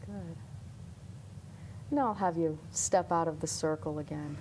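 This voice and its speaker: Woman, lowish voice, hypnotist, calm monotone delivery, faint room hiss. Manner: slow soothing even monotone guiding voice. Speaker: hypnotherapist guest. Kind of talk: guided visualization then casual chat. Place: TV studio.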